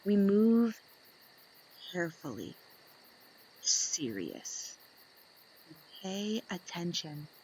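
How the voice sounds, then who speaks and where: A slightly rough, medium-pitched female voice reads aloud to young kids in an animated storytelling style. She's deliberate and likes a dramatic pause. The recording itself is rough.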